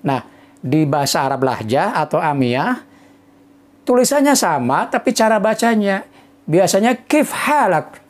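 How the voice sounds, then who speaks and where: A man from Indonesia giving a casual Arabic lesson, relaxed and chatty, slowing down to sound out example phrases. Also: high-pitched. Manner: relaxed, peppers talk with "nah" and "ya", sounds out example phrases slowly. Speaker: Arabic language teacher.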